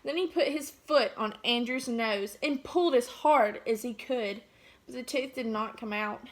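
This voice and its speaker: A woman teacher reads a picture book aloud in a fairly high, warm, child-directed voice. She stops often to ask the children questions about the pictures. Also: measured pace.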